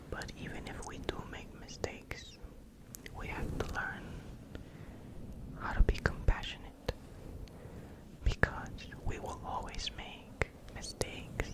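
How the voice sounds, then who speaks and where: A person giving a fully whispered, breathy ASMR pep talk of soothing affirmations for sleep, in short phrases with pauses, close to the microphone. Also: low-quality recording. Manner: slow, pausing between short phrases. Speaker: ASMR host. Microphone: close fluffy-covered microphone.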